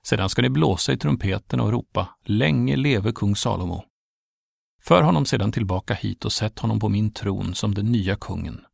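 A man's voice: fairly low pitch, lively intonation, vocal fry, husky, no room sound, studio quality, exaggerated voice. A man voicing aged King David giving solemn commands, in a storybook reading.

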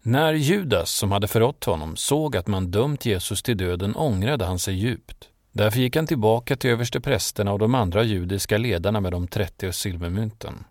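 A man narrating a Bible story in a measured, solemn scripted reading. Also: fairly low pitch, darkish tone, no room sound, clean studio sound.

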